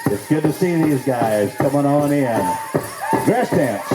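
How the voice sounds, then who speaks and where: A man's voice: medium pitch, lively intonation, slow pace. A man working as a powwow emcee, announcing dancers into the arena with folksy, celebratory introductions. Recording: echoey arena sound with music behind.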